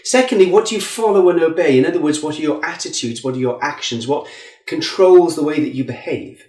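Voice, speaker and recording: A man's voice: brisk, a little mellow. A man giving an earnest Bible teaching talk as a preacher, lifting his voice for emphasis. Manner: earnest, rising in pitch for emphasis. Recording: echoey room.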